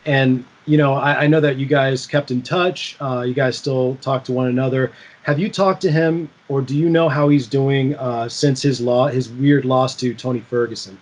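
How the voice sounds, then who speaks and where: Halting podcast host, mid-pitched man. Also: fairly even intonation. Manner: halting, filler-heavy questions. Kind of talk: casual interview questions.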